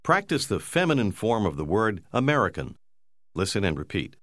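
A man narrating a language course, giving slow, clear, measured prompts. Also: fairly low pitch, sing-song, fairly bright tone, dry recording, clean studio sound. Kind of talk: scripted instructional narration.

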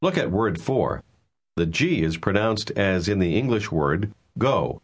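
A man narrating a language course, calling out numbered words and explaining how letters are pronounced in a measured, clear teaching manner. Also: fairly low pitch, sing-song. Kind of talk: scripted instructional narration.

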